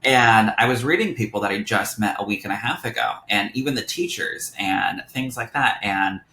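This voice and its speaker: A young adult man, a guest medium, telling his personal story in an animated, chatty podcast interview. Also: lowish voice, normal speed, echoey room.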